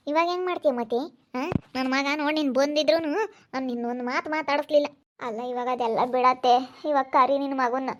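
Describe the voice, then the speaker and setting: A woman, singing a slow folk song and pleading in a village drama. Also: high-pitched, dull audio, a little hiss or hum.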